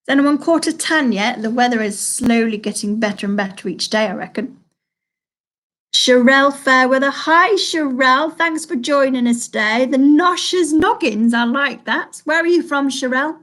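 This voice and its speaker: Woman, quiz host, chatty, slow repeated questions, fairly high voice, streaming from home. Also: fairly bright tone. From Salford, England. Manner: chatty, reads questions slowly and repeats them. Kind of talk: live-streamed pub quiz hosting.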